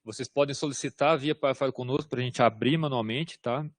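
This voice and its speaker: A man's voice: medium pitch, brisk, no echo. A man from Brazil answering questions in an online workshop, explaining in an informal way with lots of fillers and check-ins. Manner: informal, repeats "tá?" and hesitant fillers. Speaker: government systems instructor.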